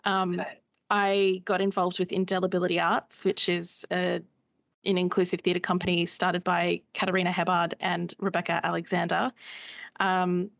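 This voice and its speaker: A woman's voice: on the low side, monotone, moderate pace, creaky, no room sound. An Australian woman speaking as an interview guest in a casual, informal, self-deprecating way. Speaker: interview guest, theatre maker.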